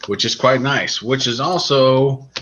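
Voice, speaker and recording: A man's voice: medium pitch, a little slow, fairly bright tone, a little hiss or hum. A man co-hosting a casual podcast, explaining board games and trading dry jokes. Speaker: podcast co-host. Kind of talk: casual podcast chat and game review. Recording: dull lo-fi podcast audio.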